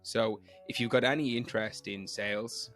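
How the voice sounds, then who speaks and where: A man hosts a podcast in a conversational style, introducing it and interviewing a guest while explaining things and asking plain questions of listeners and guest. His voice is medium-pitched and fairly bright, with fairly even intonation at a moderate pace. Soft music plays in the background.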